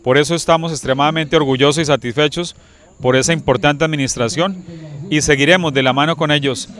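A man's voice: on the high side, brisk, fairly bright tone. A Colombian man in his forties speaks like a town official making a statement for the news. His delivery is formal oratory, moving through lists of institutions and thanks. He is outdoors, talking into a handheld microphone. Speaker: municipal mayor. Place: outdoors at night near a livestock complex. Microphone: handheld reporter microphone.

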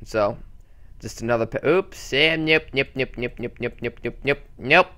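At a moderate pace and medium pitch, a young male channel host talks loosely through a screen-recording tutorial. He wanders off on tangents, fixes his own words, and comes across as excitable.

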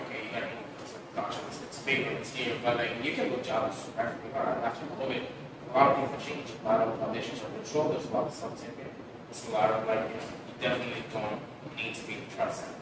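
A young actor appearing as a podcast guest rambles through stories in a relaxed, fast-talking way with plenty of fillers during a casual interview. The studio has a graffiti wall and a booming, echoey sound; he wears a visible headset mic but is recorded from a far camera, so the audio is distant and noisy.

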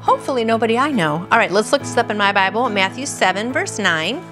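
Indoors in a small furnished room at home, a woman in her fifties hosts a devotional with music playing behind her. Her fairly high, animated voice moves at a quick pace as she reads aloud earnestly yet conversationally.

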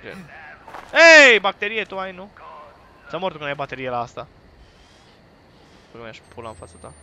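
A young man from Romania commentating a horror game he is playing, with crude jokes and sudden loud yells at the screen. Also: medium pitch, lively intonation. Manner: crude joking banter, bursts into loud yelling at the game. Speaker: gaming YouTuber.

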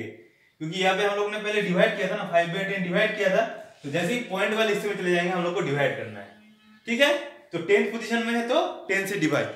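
Man, maths teacher, high voice, step-by-step classroom lesson, very echoey room, distant from the mic. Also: fairly bright tone. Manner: explains step by step, asks students if it is clear.

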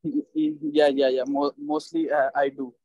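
A Pakistani-accented man with a fairly high, mellow voice gives spoken test answers. He goes slowly and hesitantly, groping through non-native English, in a dry close recording. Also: fairly even intonation, no echo, highs cut off. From Lahore, Pakistan. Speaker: language test candidate.

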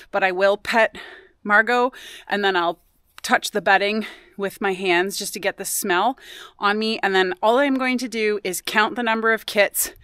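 A woman vlogging casually on her homestead, explaining her rabbit care as she goes and dropping to a soft hush near the animals. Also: medium pitch, smooth, no echo, clean studio sound. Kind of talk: casual vlog chat.

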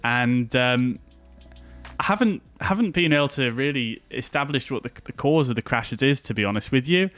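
A man's voice: mid-range voice, fairly bright tone, no echo. A man streaming a flight sim over a headset mic, chatting casually and greeting viewers by name with plenty of filler words. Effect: livestream headset mic audio. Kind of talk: casual livestream chat.

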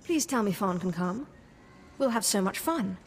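A woman's voice: medium pitch, animated, moderate pace, close to an everyday voice. An actress playing a smug, sarcastic young woman Sith acolyte in a video game. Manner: smug, mocking. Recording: game audio with noisy background.

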